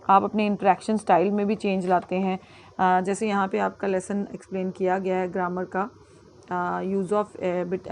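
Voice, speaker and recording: A woman's voice: mid-range voice, darkish tone. A woman teacher lecturing on classroom teaching skills. She switches between Hindi and English, with frequent fillers and self-corrections. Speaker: teacher educator.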